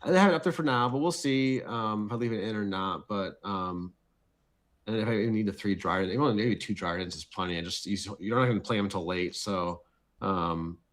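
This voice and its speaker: Casual male contestant, lowish voice, meandering and full of ums. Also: fairly quick. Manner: rambling, many fillers and restarts. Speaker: deckbuilding contestant. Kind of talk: casual chat.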